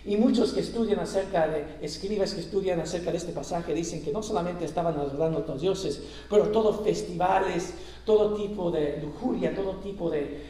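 A man's voice: high voice, fairly quick, dark tone. A man preaching a sermon, building intensity as he retells scripture, with stumbles and restarts. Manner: preaching with rising intensity, frequent self-corrections. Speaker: pastor. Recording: echoey hall, distant mic.

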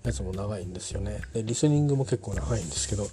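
A man's voice: fairly low pitch, expressive, very fast, dark tone, slight background noise. A man talking casually on his own, rambling with many fillers and self-corrections. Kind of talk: casual solo talk.

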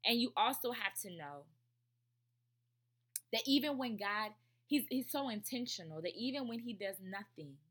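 A woman's voice: a little high, animated, moderate pace, pauses often, a bit bright. A woman giving earnest, emphatic spiritual encouragement, speaking straight to the listener and repeating phrases for stress. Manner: direct address to the listener. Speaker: faith speaker. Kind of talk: spoken devotional encouragement.

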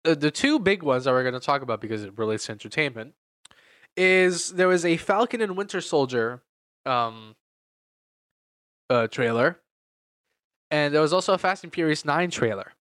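A man's voice: a little high, animated, moderate pace, long pauses, a bit bright, dry recording, clean studio sound. A man co-hosting a casual chat, loose and talkative, often eating while he speaks. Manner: chatty, eats while talking, laughs often. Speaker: podcast co-host.

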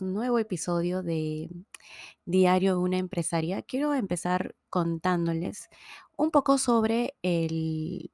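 Tired woman, lowish dry voice. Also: darkish tone, dry recording. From Peru. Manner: chatty, many fillers and restarts. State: a little tired. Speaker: podcast host. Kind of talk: casual monologue.

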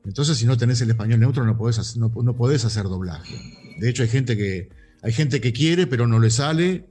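Man in his 50s, rioplatense accent, chatty and animated, soft music under it. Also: medium pitch, a little fast, breathy edge. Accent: Rioplatense Argentine Spanish. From Argentina. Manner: animated, gesturing storyteller. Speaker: voice actor guest. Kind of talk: casual interview over a call.

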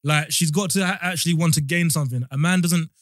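A man's voice: fairly high pitch, steady tone, fast talker, a bit bright, no room sound, clean studio sound. A man in his mid-twenties with a London roadman accent, chatting casually in an emphatic, slangy way and repeating himself. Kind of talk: casual chat.

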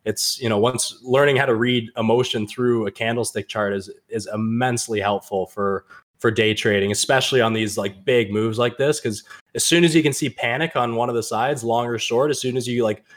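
Fast-talking man on a trading podcast. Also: steady tone. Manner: fast, rambling, acts out quoted people in a higher voice. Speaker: podcast co-host. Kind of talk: casual trading podcast chat.

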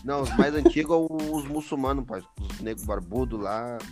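A man's voice: mid-range voice, brisk, over music. A man heckling his friends in casual chat with short jabs.

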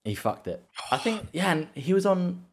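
A young man chatting casually as a podcast co-host, swearing often and rambling through animated retellings. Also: sits high, moderate pace, husky. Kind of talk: casual chat.

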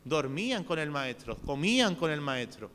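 A man's voice: on the high side, sing-song, normal speed, fairly bright tone. A man preaching a sermon with a Spain Spanish accent, earnest and talking straight to his listeners with rhetorical questions. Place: church hall. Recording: reverberant hall with faint hum.

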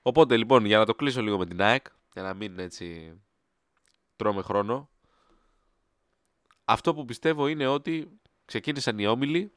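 A man hosting a football podcast alone, ranting in a heated, sarcastic way, his voice leaping upward whenever he gets worked up. His tone is smooth and clear, set in a dry, close space with no room sound. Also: fairly low pitch, pauses often, dry recording. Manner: heated, sarcastic, voice jumping up when riled. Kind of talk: solo football podcast rant.

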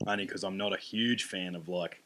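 A man's voice: sits low, steady tone, a little fast, fairly bright tone, poor audio. An Australian man co-hosting a casual chat, plain-spoken and agreeable. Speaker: podcast co-host.

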